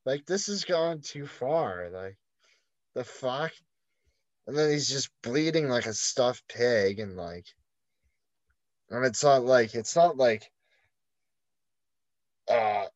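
A man's voice: lowish voice, dry recording. A man co-hosting a casual podcast, rambling through a story with constant "like" fillers and plenty of swearing. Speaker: podcast co-host.

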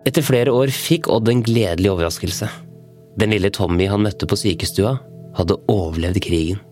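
A man narrating a scripted history story in a calm, plain way. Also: fairly low pitch. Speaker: podcast narrator. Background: faint music.

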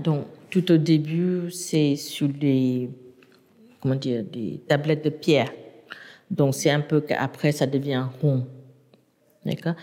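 Low-voiced woman, native Burmese speaker. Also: mellow, in a large hall. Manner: hesitant, many restarts and fillers, explanatory. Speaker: university lecturer in Burmese. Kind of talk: interview.

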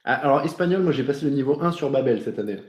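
A man with a mid-range voice hosts a relaxed live show, reading viewer messages aloud. He talks in a chatty, jokey way and sprinkles in foreign phrases. The room around him rings with a roomy echo. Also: medium pitch, racing. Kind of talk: casual live-show chat.

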